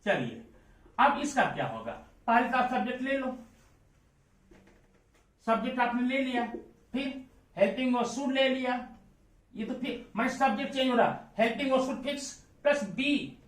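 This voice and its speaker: A man teaching English grammar in a classroom style, slowly drilling example sentences and quizzing his students with rhetorical questions. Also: very high-pitched, expressive, a bit bright. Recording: roomy echo, mic set far off.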